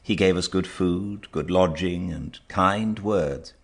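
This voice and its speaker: A man reading a storybook aloud as an audiobook narrator, measured and expressive. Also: sits low.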